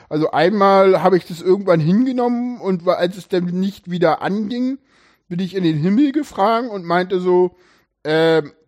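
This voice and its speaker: A man's voice: high voice, a little mellow. A man hosting a casual group podcast chat, telling stories with many restarts and fillers. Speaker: podcast host.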